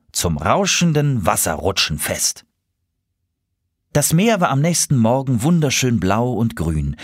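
A man reading a children's story aloud with an expressive, swooping delivery. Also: mid-range voice, husky, no room sound, studio quality.

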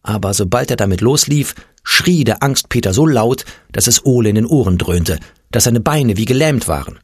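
A man reading a children's audiobook in a lively storytelling manner, voicing the characters as he goes. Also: medium pitch, moderate pace, husky, dry recording, studio quality. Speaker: audiobook narrator.

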